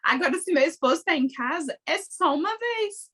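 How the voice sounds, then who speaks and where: A woman's voice: very high-pitched, animated, moderate pace, a bit bright. A woman in casual conversation, explaining animatedly and acting out quoted voices.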